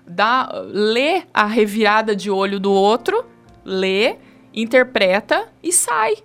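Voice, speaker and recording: A woman's voice: mid-range voice, slow, soft background music. A woman in her thirties with a Brazilian accent, a guest explaining communication on a talk show and acting out quoted lines. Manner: animated, acts out quoted speech. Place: studio talk show with three people.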